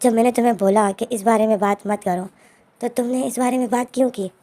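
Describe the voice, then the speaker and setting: A woman voicing a shy, embarrassed young male student who pleads quietly, in her own storytelling voice. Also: very high-pitched, fairly even intonation, brisk. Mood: pleading. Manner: hushed, pleading.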